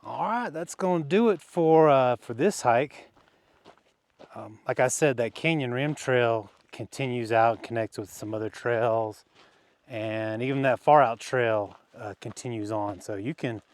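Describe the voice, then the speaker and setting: Chatty man narrating a hike. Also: mid-range voice. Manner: relaxed, chatty, frequent fillers and small laughs. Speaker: hiking vlogger. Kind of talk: casual narration while hiking. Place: outdoors on a desert canyon trail.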